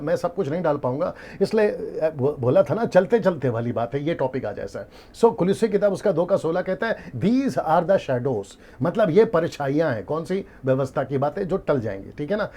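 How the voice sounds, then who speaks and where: A male preacher with a high, slightly mellow voice teaches in an emphatic sermon style. He asks rhetorical questions, repeats his key points, mixes English words into his speech, and laughs now and then.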